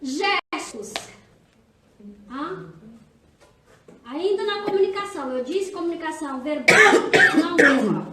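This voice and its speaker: A Brazilian pastor leads a women's seminar in a church hall, joking around and often asking her audience questions. Her high voice is expressive and slow, with frequent pauses, heard through a distant mic amid hall echo and a noisy background.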